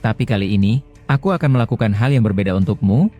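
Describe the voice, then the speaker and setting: An arrogant, taunting ninja warrior, read by a male narrator in an anime fan story. His menace comes in a low, dark, mellow voice over faint music. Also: quick pace, lightly acted. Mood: menacing.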